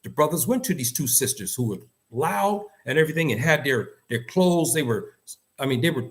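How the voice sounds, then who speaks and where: This host and commentator from the US has a medium-pitched, animated voice and a brisk pace. Speaking off the cuff with an American accent, he pushes his opinions insistently, hammering points home by repeating phrases.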